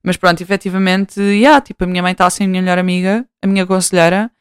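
Young portuguese woman rambling to her listeners, lots of slang and restarts, smooth clear voice, dry close sound. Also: on the low side, steady tone, fast, no room sound. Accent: European Portuguese. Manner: slangy, loose, full of fillers and restarts. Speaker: podcast host. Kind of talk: casual rambling monologue.

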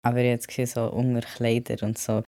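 A man with a Swiss German accent chats through a casual vlog, his voice mellow and warm and his pitch staying quite even. He rambles a little and drops English words into his talk. The sound is close and dry. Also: fast, no room sound. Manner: chatty, mixes in English words. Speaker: vlogger.

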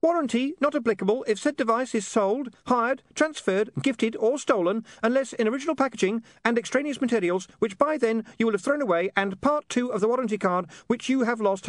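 A man's voice: extremely high pitch, no room sound, studio quality, pitched above the performer's own voice. A man voicing a tiny, pedantic green imp living inside a gadget box, rattling off fine print.

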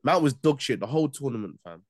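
A man's voice: mid-range voice, animated, fast, no echo. A young man with an urban London street accent, debating football casually in slangy, insistent, repetitive phrases. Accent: London, urban street style. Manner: slangy, insistent, repeats himself.

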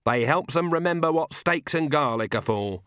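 Bossy old witch woman, high and sharp, blunt country talk, put on by a male narrator. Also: animated, moderate pace, no echo, clean studio sound. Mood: stern. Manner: blunt rural speech, dropped endings. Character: stern elderly witch woman, sharp-tongued, commanding.

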